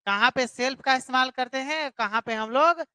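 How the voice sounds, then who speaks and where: Woman, live online teacher, high-ish pitch, explanatory, asks questions. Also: brisk, sharp tone, clean tone, no echo. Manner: repetitive, explanatory, questions students directly. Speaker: English teacher. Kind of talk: live online grammar class.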